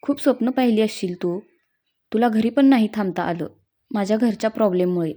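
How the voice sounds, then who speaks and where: A woman voicing a gentle young husband. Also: mid-range voice, a little fast, close to an everyday voice. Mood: apologetic.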